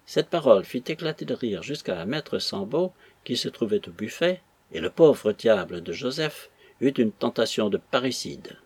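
A man reading a classic novel aloud in an expressive way. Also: mid-range voice, normal speed, hardly any pauses, slightly rough, dry recording. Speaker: audiobook narrator. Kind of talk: scripted narration of a classic novel.

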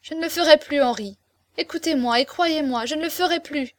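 A woman's voice: fairly high pitch, moderate pace, darkish tone, no echo, lightly acted. A woman voicing a tender, pleading young woman in an audiobook, speaking with emotion and imploring tearfulness. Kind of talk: audiobook character reading.

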